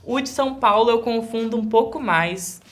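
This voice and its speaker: A woman from Rio de Janeiro state who explains things in a calm, even way. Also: on the high side, normal speed. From Rio de Janeiro state, Brazil. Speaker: interviewee.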